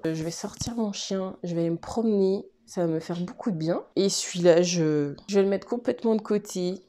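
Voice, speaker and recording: A woman chatting casually in a home sewing vlog, exasperated and laughing at her own mistakes. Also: medium pitch. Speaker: sewing vlogger.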